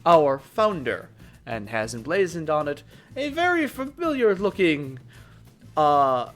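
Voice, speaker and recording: A man narrating a tabletop game as game master, describing scenes in an unhurried, halting way. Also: a little high, wildly swooping pitch, a bit bright, faint music behind.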